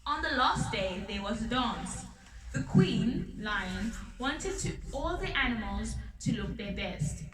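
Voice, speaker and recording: A woman reading a children's story aloud, unhurried, with small slips and restarts. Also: fairly high pitch, very animated, a crowd in the background. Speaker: storybook reader. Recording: roomy sound from a distant mic.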